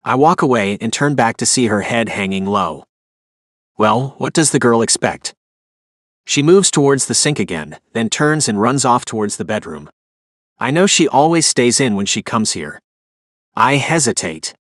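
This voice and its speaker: A man's voice: medium pitch, animated, normal speed, fairly bright tone, no room sound, clean studio sound. A man narrating a first-person romance audiobook with an emotive, inner-monologue delivery.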